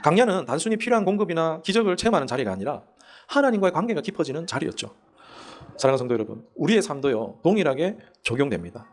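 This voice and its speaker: A man preaching a Sunday sermon in a rapid, talkative rush. His fairly high voice swings widely as he poses questions to the congregation and slips into the voices of people in his stories. The delivery stays conversational rather than formal. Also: big pitch swings. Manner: acts out quoted prayers and voices in the stories. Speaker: pastor. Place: church sanctuary.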